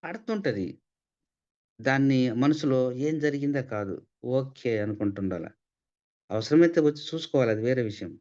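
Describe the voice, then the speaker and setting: A man's voice: medium pitch, lively intonation, moderate pace, long pauses, mellow. A man giving a spiritual talk, asking rhetorical questions and repeating points for emphasis. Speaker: spiritual speaker. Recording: slightly dull lo-fi sound.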